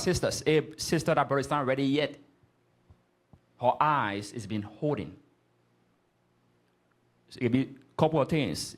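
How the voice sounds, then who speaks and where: A man leading a scripture class, speaking emphatically and often stopping to prompt the reader. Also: medium pitch. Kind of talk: street-corner style Bible class teaching.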